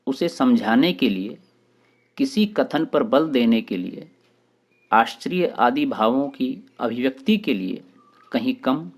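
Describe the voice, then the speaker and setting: A man hosting his own channel and teaching a grammar lesson for exam preparation, explaining terms one by one with short pauses. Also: medium pitch.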